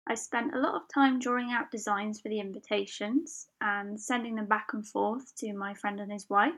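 A woman's voice: medium pitch, steady tone, moderate pace, a bit bright. A woman hosting her own podcast, talking in a chatty, personal way with small fillers and the odd laugh. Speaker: podcast host. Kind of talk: solo podcast monologue.

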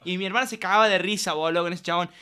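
A young woman with an Argentine accent chats with her friends. She tells her stories with lively energy and acts out the people in them. Her voice is bright and clear. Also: on the low side, very fast. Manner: animated storyteller, acts out quotes. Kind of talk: casual chat among friends.

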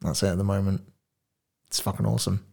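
A man's voice: low voice, little pitch movement, fast, creaky, a little mellow, breathy edge. A man in his late thirties, a diet coach guesting on a podcast, telling his story in a laid-back way, laughing often and swearing casually. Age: 30s.

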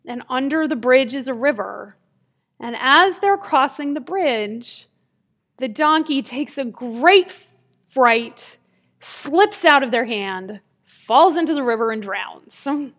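A woman marketing speaker telling a fable in an animated, emphatic way before turning to a motivational talk. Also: sits high. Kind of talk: storytelling, then a motivational talk.

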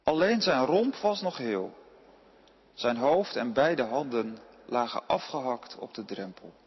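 Husky-voiced man reading scripture aloud. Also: mid-range voice, unhurried, long reverb tail, lo-fi sound. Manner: steady reading with occasional slips and self-corrections. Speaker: scripture reader. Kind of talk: reading a Bible passage aloud.

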